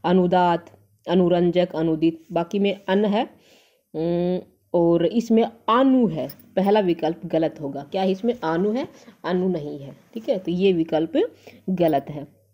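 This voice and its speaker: A woman's voice: fairly low pitch, takes it slowly, muffled recording. A woman teacher going through exam answers, reading each option aloud and then saying whether it is right or wrong. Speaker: Hindi teacher. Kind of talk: exam answer-key walkthrough.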